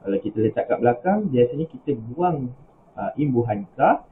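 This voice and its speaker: A man's voice: medium pitch, very animated, normal speed, slight background noise. Malaysian male teacher on a tinny call. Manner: patient, explains step by step with rising example questions. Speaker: religious school teacher. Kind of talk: online class teaching. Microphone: video call. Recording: tinny phone-like video call audio.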